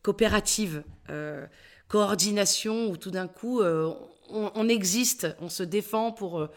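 A middle-aged woman with a Parisian accent, a voice coach talking in an interview, animated and full of hesitations. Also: mid-range voice, measured pace. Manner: animated, many hesitations and fillers. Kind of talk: casual interview talk.

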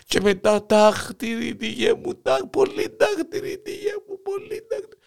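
A man with a Cypriot Greek accent voicing a weepy old village grandfather who wails and sobs in a high voice. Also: gravelly. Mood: sobbing. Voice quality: high wailing sobbing voice. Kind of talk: joke telling.

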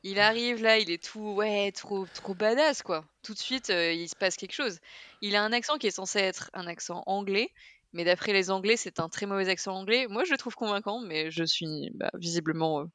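A woman co-hosting a podcast, talking in an animated, gushing way. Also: medium pitch, brisk, dry recording. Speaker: podcast co-host. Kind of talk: casual podcast chat.

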